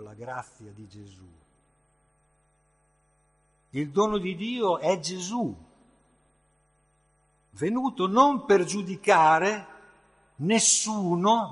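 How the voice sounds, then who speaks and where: A man preaching a sermon in a slow, emphatic way, with sudden surges in loudness and a husky voice. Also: medium pitch. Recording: long hall reverb.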